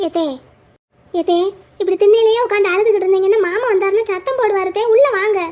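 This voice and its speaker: A woman voicing a bossy, sharp-tongued young daughter-in-law who scolds briskly. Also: very high voice, highs cut off. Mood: coaxing.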